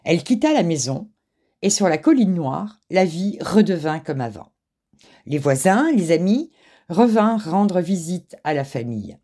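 A woman narrating a children's story in an expressive, animated way. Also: on the low side, unhurried.

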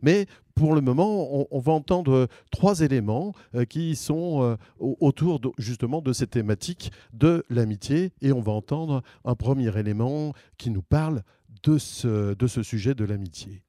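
A man hosts a school web radio broadcast, pausing often and restarting his sentences with plenty of fillers. His voice sits at an ordinary pitch but sounds mellow and dark. The sound is dry and close, with no room around it. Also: no echo. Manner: hesitant, many fillers and restarts. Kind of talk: hosting a radio show with pupils.

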